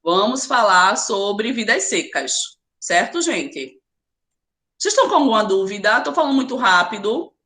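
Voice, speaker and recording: A woman's voice: mid-range voice, expressive, normal speed, bright, forceful tone. A woman with a Brazilian accent teaching a literature class online, urging her students on and calling them by name. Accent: Brazilian Portuguese. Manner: emphatic, urging, talks straight to students by name. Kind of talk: live online class lecture.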